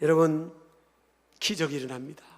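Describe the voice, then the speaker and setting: A middle-aged male pastor preaching an emphatic sermon in a church, asking the congregation questions and building to shouts. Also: fairly high pitch, steady tone, normal speed. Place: church sanctuary. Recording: church hall reverb.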